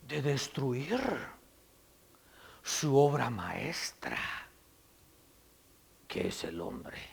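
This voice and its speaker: A man pastor preaching a sermon, explaining his word choices and swinging between loud emphatic phrases and soft asides. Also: high voice, creaky.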